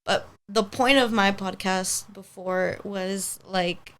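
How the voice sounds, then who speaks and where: A hair stylist in her twenties, a native Spanish speaker, chats casually as a podcast guest. Her medium-pitched voice is steady and slow, and she rambles upbeat, saying "like" over and over.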